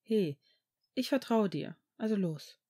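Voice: mid-range voice, lively intonation, measured pace, dark tone, husky. A reader voicing a desperate, loyal young man in a fan audiobook, pleading and sobbing. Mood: trusting.

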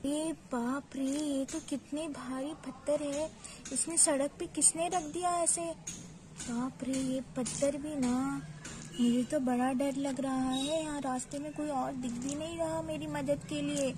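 A woman's voice: high voice, fairly even intonation, a little slow, noisy background. A woman voicing a brave, cheerful young daughter in a doll cartoon, chatty and full of exclamations. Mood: worried.

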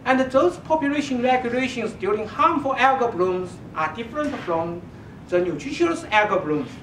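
A woman giving an academic thesis defense presentation, explaining step by step in a halting way. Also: expressive, fairly bright tone. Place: dark lecture room with projection screen. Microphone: distant camera microphone. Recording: distant, echoey room recording with rumbling noise.

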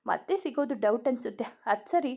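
A woman's voice: fairly high pitch, expressive, fairly quick, creaky, mellow. A woman doing a puzzled young man. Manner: questioning, puzzled. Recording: dull lo-fi recording.

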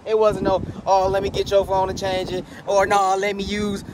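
Here a car vlogger speaks at a moderate pace in a high-pitched, completely flat voice while circling a parked car outside. Filming on a handheld phone, he talks directly to his viewers in casual, slangy, profane language, and the mic picks up wind noise.

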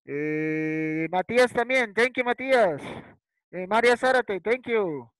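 A man's voice: high-pitched, animated, slow, a bit bright, clear, resonant tone, dry recording, low-quality recording. A man teaching a first-grade English class over a video call, switching between Spanish and English, repeating words patiently and checking in with short tag questions. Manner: patient, repeats words, ends lines with ¿cierto? and ¿listo?. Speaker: primary school English teacher.

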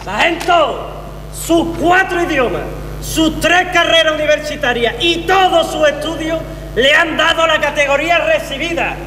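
Man acting a high, bright, pompous army captain. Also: normal speed. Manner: pompous, declamatory. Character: pompous, short-sighted patriotic army captain. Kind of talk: comic stage sketch in rhyme. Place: theatre stage, far camera. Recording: echoey theatre hall, faint hum.

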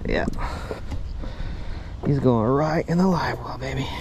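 A man hosting a fishing trip on a small boat, chatting casually, excitable and swearing freely. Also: medium pitch, measured pace, dull audio. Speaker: angler host. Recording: outdoor boat and water noise.

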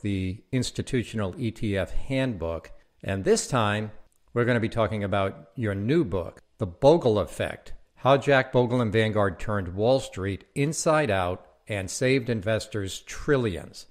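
A man hosting a podcast interview, reading a prepared introduction and then asking plain, measured questions. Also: lowish voice. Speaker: podcast host.

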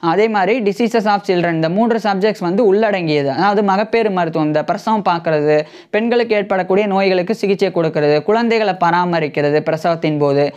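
A man's voice: sits high, clear, resonant tone. Young guy with a lapel mic in a studio, explaining history casually, keeps repeating points, kinda dull lo-fi audio. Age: young adult. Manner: repeats each point and glosses English terms in plain words. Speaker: history presenter. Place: indoor studio with green-screen news backdrop.

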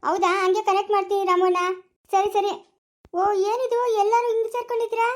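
Very high, fast reassuring young voice. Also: female voice, fairly even intonation. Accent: Kannada, Chikkaballapur rural. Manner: pleading, reassuring. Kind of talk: family skit acting.

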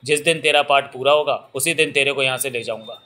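Male reader doing a devoted young village man, earnest and protective, bright voice. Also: mid-range voice, steady tone, fast talker, natural voice. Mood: tender. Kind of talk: audiobook reading.

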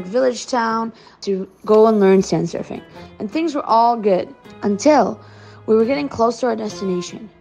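A woman hosting a travel show, telling a story in voice-over and acting out the dialogue in quick, animated bursts. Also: mid-range voice. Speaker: host, blind traveler.

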